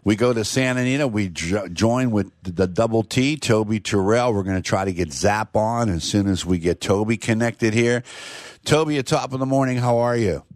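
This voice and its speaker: A man's voice: on the low side, moderate pace, a little mellow, dry recording, clean studio sound. An older man hosting a horse racing talk show, chatting in a rambling, casual way.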